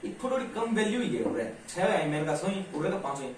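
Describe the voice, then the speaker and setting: A middle-aged man teaches maths, his fairly high voice asking again and again whether the class is following. He is picked up from well across a bare, echoing classroom with a faint hiss underneath. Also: very animated, fast. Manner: patient, checks understanding constantly with "ठीक है?"; slips into rural dialect endings. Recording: echoey room, mic far off, faint hiss.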